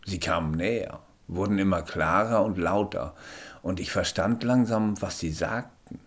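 Low-voiced guy reading a first-person story, slow and thoughtful. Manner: measured, introspective storytelling. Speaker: narrator. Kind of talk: first-person audiobook narration.

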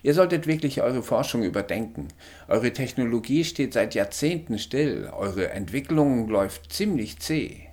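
A man's voice: mid-range voice, animated, moderate pace, darkish tone, voice pushed up, lightly acted. A man doing a small, matter-of-fact alien. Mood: lecturing. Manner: lecturing, terse and factual. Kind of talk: audiobook character voice.

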